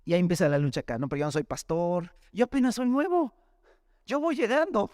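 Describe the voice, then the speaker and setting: A man's voice: high voice, fast, darkish tone, no room sound, studio quality. A man with a Mexican accent, a pastor preaching a sermon through a personal testimony, talking in a conversational storytelling way and often addressing listeners as brother. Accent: Mexican Spanish.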